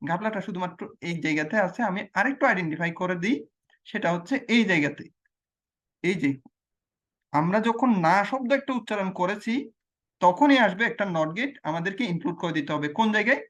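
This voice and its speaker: A man's voice: high voice, a bit bright. Man, teacher, walks through a screen demo, asks and answers his own questions, repeats himself. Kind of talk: explaining logic gates on a screen demo.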